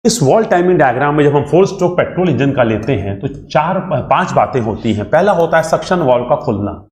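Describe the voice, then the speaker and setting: A man teaching an engineering exam class in a lively, repetitive way, acting out student questions and answering them himself. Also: on the high side, a little fast. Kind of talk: classroom lecture. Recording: echoey room.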